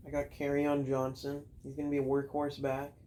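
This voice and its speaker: A man's voice: medium pitch, monotone, moderate pace, warm tone, a little hiss or hum. A man casually ranking football players, blunt and teasing with his friends. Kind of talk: casual chat.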